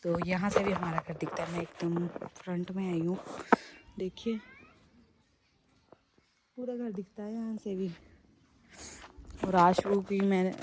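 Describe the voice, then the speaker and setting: A young woman chatting casually to her phone for a vlog outdoors on a windy rooftop, her voice hoarse from a sore throat and a little short of breath, calling her viewers guys. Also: on the low side, steady tone, measured pace, long pauses. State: short of breath after stairs. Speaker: vlogger. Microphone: phone held by hand.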